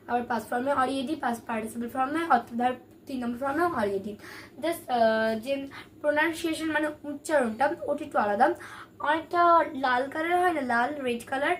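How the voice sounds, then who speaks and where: A woman's voice: high voice, quick pace. A woman teaching a grammar lesson, patiently explaining and asking questions that she then answers herself. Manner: patient, asks and answers her own questions. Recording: distant mic, faint room noise.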